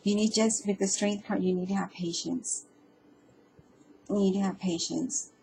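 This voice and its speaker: A woman giving a casual spoken tarot reading, earnest and reassuring, speaking haltingly with frequent ums and restarts. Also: medium pitch, steady tone, creaky, dark tone, a little hiss or hum, low-quality recording. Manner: hesitant and halting, with frequent ums and self-repeats; earnest and reassuring, addressing the listener directly. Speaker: tarot reader.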